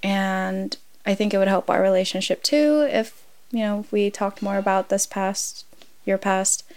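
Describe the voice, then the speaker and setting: A young woman asking her mother personal questions, slow and hesitant in an earnest way. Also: medium pitch. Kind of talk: personal conversation.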